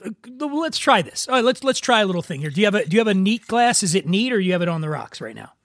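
A man with a raspy voice, hosting a casual interview as a podcast host. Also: high voice, big pitch swings, fast talker, a bit bright, no echo, studio quality.

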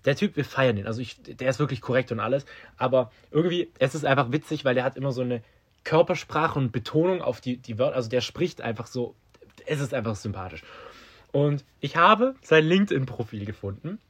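A young man co-hosting a podcast in casual chat, a lively storyteller who laughs often. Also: mid-range voice, brisk, breathy edge. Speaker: podcast co-host.

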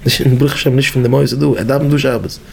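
A man teaching educators in a rabbinic lecture, telling stories in halting, repetitive speech. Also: mid-range voice, fairly even intonation, gravelly, a little hiss or hum. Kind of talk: Yiddish-flavored Torah lecture.

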